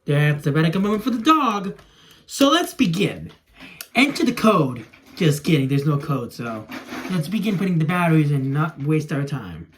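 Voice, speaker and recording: In a small room indoors at home, a young man who makes toy videos talks to camera in a loose, rambling way as he shows something off. He's a native Spanish speaker in young adulthood, with a slightly high, sing-song voice at a moderate pace. Background noise and clicking come through on an otherwise clear recording.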